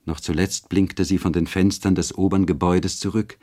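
A man narrating a classic novel as an audiobook, measured and expressive. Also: low-pitched.

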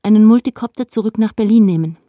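A defiant young girl, set on running away, who talks in a firm, urgent way, read by a woman in a story. The voice sits a little higher than the narration. It is still mellow, and the recording is dry. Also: quick pace, dry recording, close to an everyday voice.

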